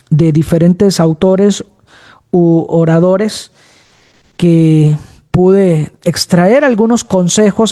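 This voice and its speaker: A man with a dark-toned voice preaches slowly, moving among low, middle and high tones. He often calls his listeners brothers.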